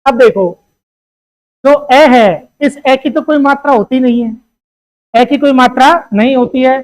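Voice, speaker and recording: A high-pitched teacher runs an exam-prep grammar lesson. The teacher asks a steady string of questions, answers each one, and addresses the students affectionately as "beta.". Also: a little slow, low-quality recording. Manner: asks questions, answers them itself, calls listeners "beta".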